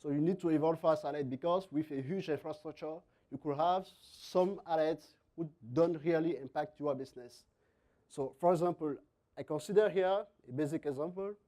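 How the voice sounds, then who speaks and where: A man from Cameroon with a French-Cameroonian accent gives a technical conference presentation in halting non-native English, sometimes repeating words. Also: a little high, warm tone. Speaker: conference speaker, software engineer.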